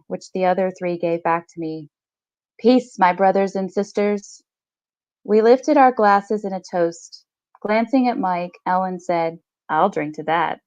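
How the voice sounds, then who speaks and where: A woman in her thirties, a podcast reader and co-host, reads short stories and chats casually about books on a video call from a small room at home. Her voice is mid-range with no room sound, and the video-call audio is slightly dull.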